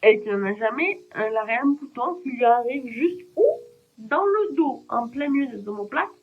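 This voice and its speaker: A woman's voice: fairly high pitch, lively intonation, moderate pace, breathy edge. A woman chatting casually about books at home, rambling along with lots of fillers. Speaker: book vlogger. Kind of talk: casual chat. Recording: dull lo-fi sound with faint hiss.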